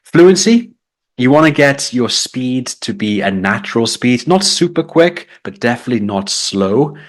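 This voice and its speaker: A man's voice: mid-range voice, very animated, unhurried. A man with a British accent giving a live online English test lesson, explaining and reading out chat comments.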